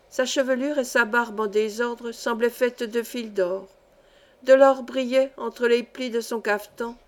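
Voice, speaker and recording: Woman reading a story aloud. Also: on the high side. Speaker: reader. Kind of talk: literary reading of a satirical story.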